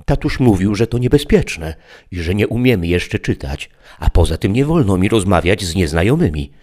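A man's voice: low voice, sing-song, normal speed, darkish tone, pitched above the performer's own voice. A man voicing a naive, trusting little girl who talks earnestly and a bit fearfully. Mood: innocent earnest.

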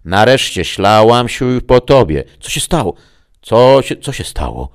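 A man voicing an anxious young woman who calls out urgently in halting bursts, as in a read-aloud story. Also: mid-range voice, big pitch swings, clear, resonant tone, pitched above the performer's own voice. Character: young woman calling over a faint link.

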